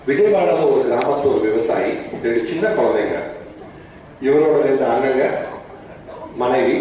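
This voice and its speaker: A man's voice: fairly high pitch, warm tone. A man in his forties with a Tamil Indian accent, explaining things to an audience in a didactic way, with short rhetorical questions. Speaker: doctor presenting at a hospital event. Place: stage in an event hall. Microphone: headset. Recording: echoey hall from far off, faint noise.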